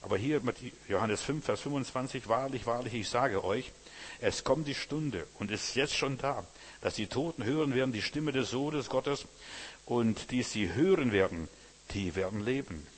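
A man's voice: mid-range voice, expressive, moderate pace, slightly rough. A man preaching a sermon in earnest German-language style, addressing his listeners directly as brothers and sisters.

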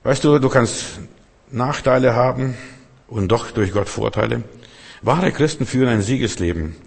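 A man's voice: mid-range voice, animated, normal speed, gravelly, husky. A man preaching a sermon, emphatic and direct, who keeps turning to his listeners with repeated questions and short punchy phrases. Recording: long hall reverb.

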